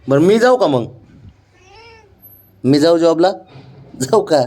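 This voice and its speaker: A man's voice: on the high side, lively intonation, takes it slowly, darkish tone. A man talking playfully to his pet cat in coaxing, teasing baby talk. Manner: coaxing, teasing, sing-song questions.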